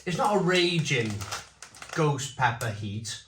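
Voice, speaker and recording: Man, bright voice in an echoey room. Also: fairly high pitch, expressive. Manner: halting, repeats phrases. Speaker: food and beer reviewer. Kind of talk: casual unscripted video review. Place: home conservatory. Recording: roomy echo, faint background noise.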